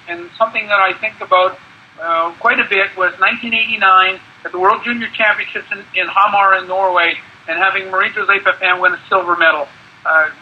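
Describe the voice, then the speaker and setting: A man's voice: high-pitched, dull audio, a little hiss or hum. A man in his sixties from Canada, a ski area manager and former coach, talking in an interview and often restarting his sentences. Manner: rambling with many restarts and repeated words. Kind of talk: conversational interview.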